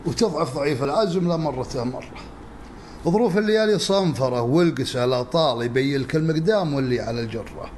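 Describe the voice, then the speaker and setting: A man's voice: fairly high pitch, quick pace, a little mellow. Man reciting Nabati poetry, noisy recording. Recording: clearly noisy background ambience.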